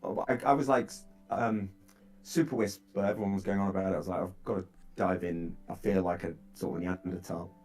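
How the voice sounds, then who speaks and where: Animated man talking tech over a laptop mic. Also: deep voice, fairly quick, soft background music. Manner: animated, with fillers and restarts. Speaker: software developer chatting on a call. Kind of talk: casual chat. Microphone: laptop microphone.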